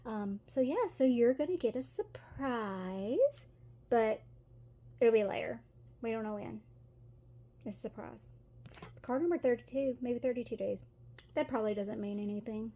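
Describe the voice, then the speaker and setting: A middle-aged Southern woman from Tennessee gives a chatty, casual tarot reading to camera, full of fillers and giggles. She sounds animated, with a fairly high pitch and a dark tone, speaking at a moderate pace and pausing often.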